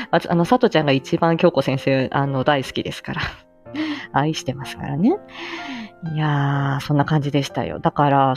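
Her voice is low and darkish as she chats on a livestream, casual and reflective. This amateur voice drama actor and host sounds hesitant and self-effacing, often trailing off mid-phrase.

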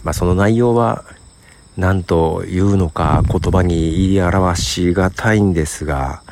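A middle-aged man podcasting alone in a hushed, half-whispered ramble, tired, recorded on an empty train platform. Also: low-pitched, unhurried, slight background noise. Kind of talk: casual solo monologue.

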